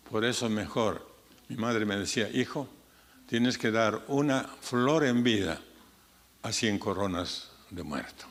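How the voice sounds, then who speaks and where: A man's voice: medium pitch, fairly bright tone. A man, a pastor, preaching a sermon with earnest emphasis, his voice rising sharply on key points. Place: church sanctuary. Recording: church sanctuary with long reverb.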